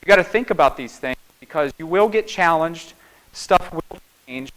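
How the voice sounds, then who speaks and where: Southern appalachian guy doing a casual conference talk, kinda high voice, folksy, keeps saying right? and okay?. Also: animated, moderate pace, fairly bright tone, rough recording. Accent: Southern Appalachian American. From small town in North Carolina, United States. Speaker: conference speaker, security penetration tester. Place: live talk before an audience.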